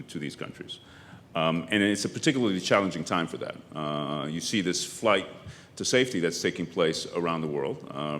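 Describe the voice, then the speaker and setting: A man speaking on a conference panel in a measured, hesitant way with frequent fillers. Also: a bass voice, a bit bright, big-room sound, slight background noise. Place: conference hall.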